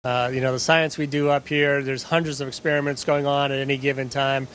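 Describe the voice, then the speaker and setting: A man's voice: little pitch movement, brisk, a bit bright. A man in his fifties, an astronaut answering interview questions conversationally into a handheld mic inside a space station. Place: small, equipment-packed space station module. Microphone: handheld microphone. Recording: faint rumbling background noise.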